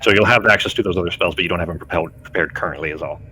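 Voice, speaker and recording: A man's voice: low-pitched, rapid-fire, sharp tone, slight background noise. A man speaking as game master, casually explaining the rules of a tabletop game.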